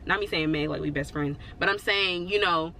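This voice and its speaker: Chatty bright-voiced woman vlogger. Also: fairly low pitch, moderate pace, creaky, slight background noise. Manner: chatty and rambling, full of "like" and "you know"; encouraging, reassuring. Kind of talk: casual motivational talk to camera.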